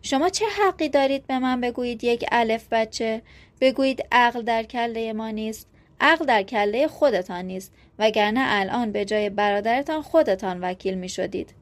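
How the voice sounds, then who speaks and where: A touchy young chief who flares up and argues back indignantly, read by a woman in an audiobook. Her voice sits fairly high and she barely changes it for him. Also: natural voice. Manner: indignant, defensive.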